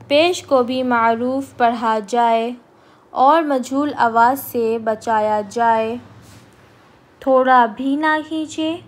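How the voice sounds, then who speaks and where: A woman with a slightly high voice teaches an online Quran recitation lesson, explaining pronunciation with English words mixed in before slowly and clearly drilling syllables. The audio sounds like a video call or home recording.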